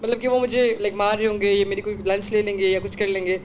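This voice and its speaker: A man's voice: high-pitched, fairly even intonation, slight background noise. A young man hosting a podcast, telling a rambling story in casual chat and mixing English words into his speech. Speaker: podcast host.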